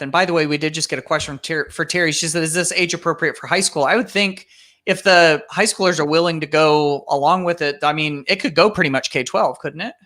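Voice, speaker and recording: A man's voice: fairly high pitch, bright, forceful tone. A man hosting a live webinar, easygoing, reading out viewer comments and asking the guests questions. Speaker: host.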